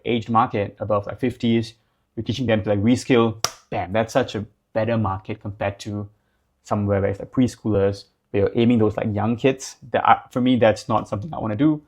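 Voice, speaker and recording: Young guy from singapore, lowish voice, chatty loose business coaching, lots of likes and ums. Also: fairly even intonation, brisk. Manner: loose and conversational, many fillers like "like" and "um". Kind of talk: casual talking-head advice.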